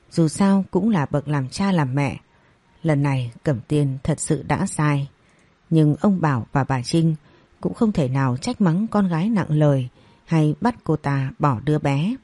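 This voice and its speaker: A woman with a low, mellow voice narrates a family drama. Her tone is husky, and the recording is dry and close. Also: no echo. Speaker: storyteller.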